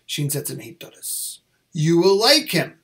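A man with a slightly high voice goes over English test answers, moving unhurriedly and carefully repeating each phrase. He alternates between English and Japanese while teaching, and his delivery is sing-song with a fairly bright tone.

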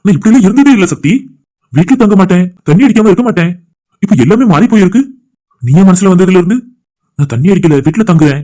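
A man voicing a lovesick young village man in a cartoon, speaking a soft, sincere inner monologue. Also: high voice, lively intonation, quick pace. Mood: longing. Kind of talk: cartoon voice acting.

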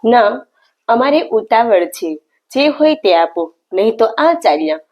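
A woman's voice: on the high side, sing-song, a little slow, a little mellow. A woman voicing a playful, hungry divine lord who talks to his devotee in a teasing, affectionate way. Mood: urgent.

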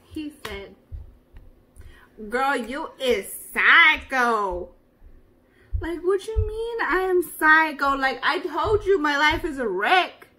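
Woman as a slangy drama-queen influencer, high voice, slow sassy delivery. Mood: hushed confiding. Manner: slangy, theatrical, swings from hushed confiding to loud indignation. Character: dramatic, sassy young woman who thinks she is famous. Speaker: interviewee. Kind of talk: comedy sketch acting.

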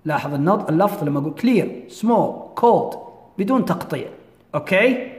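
Man, high voice, echoey room, slow deliberate English. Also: expressive. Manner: switches between slow, drawn-out English and quick Arabic explanations. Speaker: English teacher. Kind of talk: bilingual grammar lesson.

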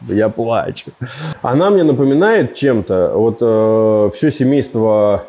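A man's voice: fairly low pitch, slow. Joking man reviewing a car. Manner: joking, rambling, animated with gestures.

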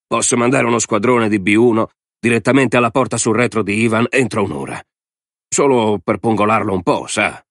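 Man voicing a hawkish general, blunt and urging, lowish voice, dry close sound, audiobook. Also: fairly quick, dry recording.

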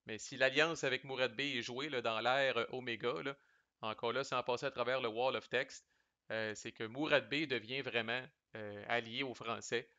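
Québécois male reviewer, bright and forceful delivery, chatty and slangy, dry slightly muffled recording. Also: medium pitch, steady tone, normal speed, dry recording. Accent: Québécois French. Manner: chatty, loose, sprinkles English game terms and salty slang. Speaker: board game reviewer. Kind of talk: casual explanatory commentary.

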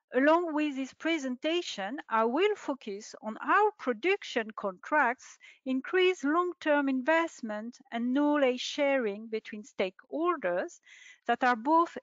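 A middle-aged woman, a researcher, reading a prepared presentation in a measured, formal way over a video call. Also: high voice, fairly bright tone, no echo. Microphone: video call webcam. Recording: dull lo-fi webinar audio.

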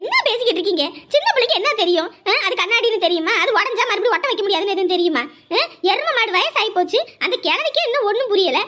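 A fierce village grandmother in a cartoon, voiced by a woman, squeaky and very high. She rattles off her scolding at speed in a bright, sharp voice. Faint background noise hangs under the recording. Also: expressive, fast talker, hardly any pauses, heavily acted. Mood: indignant. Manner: scolding, shrill, combative. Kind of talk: cartoon voice acting.

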